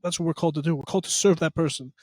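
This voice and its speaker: A man's voice: fairly high pitch, rapid-fire, a little mellow, no room sound. A man with a New Jersey accent, hosting a casual faith podcast chat and talking earnestly in rambling runs full of fillers. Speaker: podcast host.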